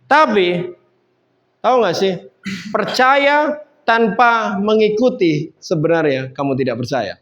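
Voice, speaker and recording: A man's voice: high voice, lively intonation, takes it slowly, fairly bright tone. A man preaching a sermon in a casual, conversational way, building up to emphatic points. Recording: dull lo-fi sound.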